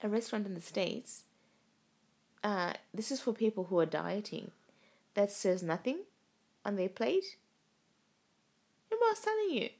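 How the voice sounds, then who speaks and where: A young woman co-hosts a relaxed, tipsy podcast chat while lying down, recorded at home. English isn't her first language; she rambles, swears and laughs a lot. Her medium-pitched, darkish voice is very animated, with a moderate pace and frequent pauses.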